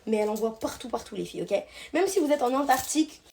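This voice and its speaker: A young woman from Réunion, chatty and excitable, talking casually to her viewers in a vlog. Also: a little high, quick pace, a little hiss or hum. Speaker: vlogger. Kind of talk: casual vlog chat to camera.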